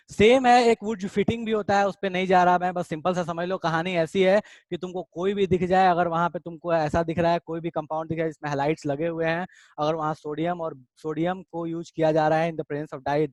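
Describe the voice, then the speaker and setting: A man teaches chemistry in a casual online class, explaining reactions, chatting with students, calling them beta, and reading out their chat comments. His voice is fairly high, with no room sound.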